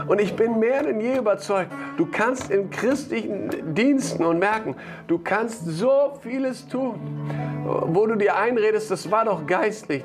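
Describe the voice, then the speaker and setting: A man delivers a sermon in a notably high voice, leaning hard on repeated phrases and breaking into brief laughs between lines. Soft guitar plays underneath. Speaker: preacher.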